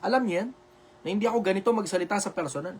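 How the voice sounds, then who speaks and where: Loud, preachy Filipino man. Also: sits high, racing, slight background noise. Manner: emphatic, repetitive, blunt, swears often; says he speaks loudly on purpose for social media. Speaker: live show host answering viewer questions. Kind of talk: loud, preachy live advice talk. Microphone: video call.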